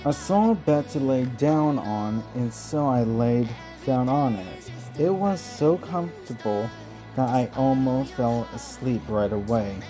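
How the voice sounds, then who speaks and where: A man narrating a first-person story as an amateur audiobook reader, in a plain, unhurried way. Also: medium pitch, music in the background, low-quality recording.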